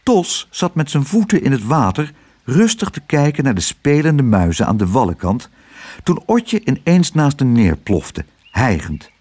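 Husky-voiced man reading a storybook. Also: mid-range voice, measured pace. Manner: expressive, lively storytelling. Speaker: narrator.

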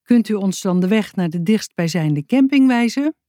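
A woman voicing a calm, friendly and very strong father in a children's storybook reading, talking in an unruffled, polite way. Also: mid-range voice, normal speed, dry recording, studio quality, natural voice.

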